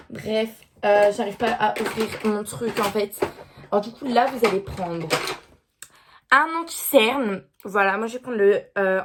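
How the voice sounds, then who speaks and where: Over a noisy background, a medium-pitched young woman chats her way through a casual makeup vlog. She pokes fun at herself, stumbles on words, and fills the gaps with apologies and filler sounds.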